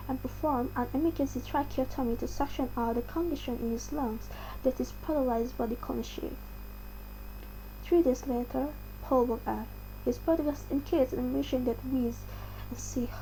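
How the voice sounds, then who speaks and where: Female reader, Indonesian accent, high mellow voice, careful narrative article reading with occasional stumbles, light hum behind. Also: poor audio. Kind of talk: article read aloud.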